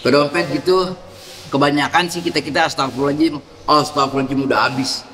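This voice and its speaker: A man's voice: a little high, steady tone, fast, sharp tone, slight background noise. A man preaching at a dawn gathering in a mosque, acting out prayer gestures and leading the congregation in a repeated chant. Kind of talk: mosque sermon. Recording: echoey mosque hall, faint ambience.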